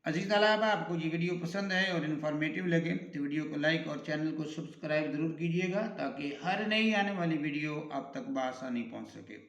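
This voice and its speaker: A man's voice: fairly high pitch, a bit bright. Echoey man drilling Urdu pronunciation. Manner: drills words slowly one by one, correcting mispronunciations. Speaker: teacher. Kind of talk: recorded Urdu pronunciation lesson.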